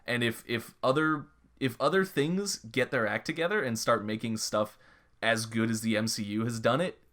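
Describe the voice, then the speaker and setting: With a mid-range, fairly bright voice at a moderate pace, this young podcast co-host keeps the chat casual and meandering, backtracking over his words and reaching for fillers while he works out his thoughts.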